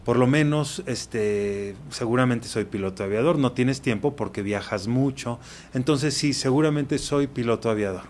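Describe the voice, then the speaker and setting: A man's voice: mid-range voice, normal speed, darkish tone, a little hiss or hum, lightly acted. A man quoting a disappointed little boy. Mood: earnest. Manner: lightly voiced quotes in a retold story. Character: disappointed eight-year-old boy.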